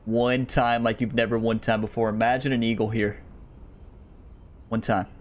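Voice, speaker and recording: With a mid-range voice and flat delivery at a moderate pace, a gaming YouTuber offers casual let's-play commentary. He chats to his viewers while playing, his voice a little worn as he's slightly losing it.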